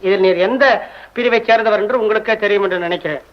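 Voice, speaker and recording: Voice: medium pitch, fast, close to an everyday voice. A young performer in a school play, acting a poor, desperate male poet who grumbles and wails comically. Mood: grumbling. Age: teens. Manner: comic wailing and grumbling, talks to himself. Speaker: stage actor in a school play. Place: school annual day stage. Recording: dull lo-fi stage recording.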